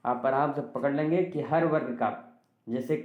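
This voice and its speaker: A man's voice: medium pitch, normal speed, narrow, tinny audio. Man teaching grammar in an echoey room. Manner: repetitive, asks and answers his own questions, frequent "ठीक है". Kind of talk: exam-prep grammar lesson.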